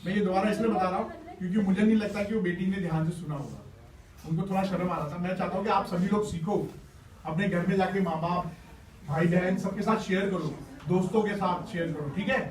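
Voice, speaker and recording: A man's voice: high-pitched, fairly even intonation, a little fast, crowd noise. A man teaching a class of schoolchildren, encouraging and playful as he coaxes them to try. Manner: encouraging and playful, coaxing pupils. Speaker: teacher running a school workshop. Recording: echoey room, distant mic, noisy class.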